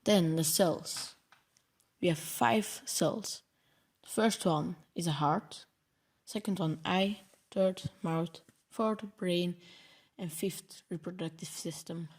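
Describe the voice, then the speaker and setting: Presenting his coding project with slides, a programming channel host from Belgium trips over long words as he goes. He's a young native Dutch speaker with a Belgian Dutch accent, speaking slowly in a high voice.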